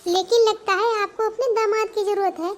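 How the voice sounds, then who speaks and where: A woman's voice: very high voice, fairly even intonation, normal speed. A woman voicing a defiant young bride. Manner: defiant, talks back sharply. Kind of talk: Hindi cartoon voice acting.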